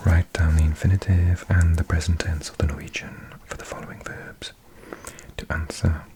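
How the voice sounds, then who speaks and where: A man whispering softly in a slow ASMR study session, thinking aloud close to the microphone as he sounds out words. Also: low-pitched, level tone. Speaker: ASMR creator.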